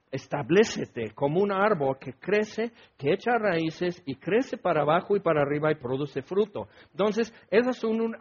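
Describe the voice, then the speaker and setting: A man preaching a sermon, telling stories with bursts of loud acted quotes and a husky voice. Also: on the high side, muffled recording.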